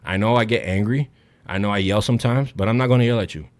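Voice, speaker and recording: Young man, fitness coach, slightly low voice, blunt, profane, hyped, a bit out of breath. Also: fast talker. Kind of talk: direct-to-camera fitness vlog.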